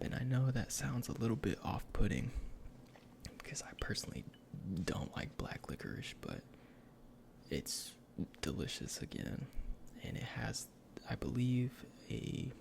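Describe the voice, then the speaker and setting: Slow, creaky man in whispered role-play. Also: lowish voice. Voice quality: breathy whisper with gravelly creak. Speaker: ASMR performer playing a cologne salesman.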